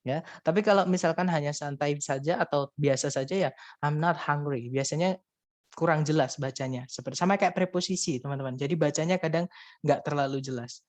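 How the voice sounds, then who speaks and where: A man's voice: on the high side, a little fast, no echo. A man teaching an English listening lesson in an online class, explaining step by step in a patient way with frequent fillers.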